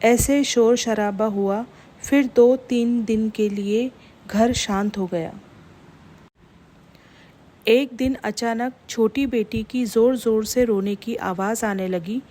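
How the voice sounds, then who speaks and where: A woman tells a story at a slow, measured pace. Her voice sits a little high and stays plain and steady throughout. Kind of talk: scripted story narration.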